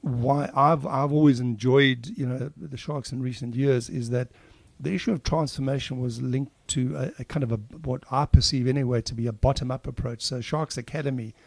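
Male co-host, creaky voice, dry close sound, casual opinionated discussion. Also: medium pitch, fairly even intonation, moderate pace, no room sound.

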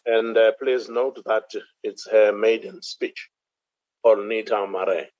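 Low-voiced South African man chairing a session. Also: steady tone, slow, darkish tone, dry recording, lo-fi sound. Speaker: house chair presiding. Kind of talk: procedural chairing.

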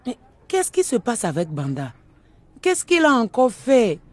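A woman's voice: on the high side, huge pitch swings, measured pace, no room sound, exaggerated voice. An actress playing an anxious, suspicious mother in a radio drama, fretful and questioning.

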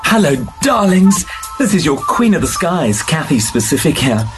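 A man's voice: a little high, sing-song, moderate pace, music in the background. A man playing a campy, flamboyant, saucy drag queen air hostess in a scripted radio advert. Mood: saucy, theatrical.

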